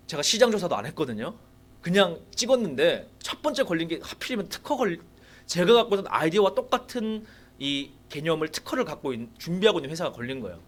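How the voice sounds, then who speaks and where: A man giving a sermon with a personal testimony in a church, telling his story with animation and turning to the congregation with questions. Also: fairly high pitch. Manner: animated storytelling, acting out his own prayers; addresses the congregation directly with rhetorical questions. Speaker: guest preacher at a revival meeting. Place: church sanctuary.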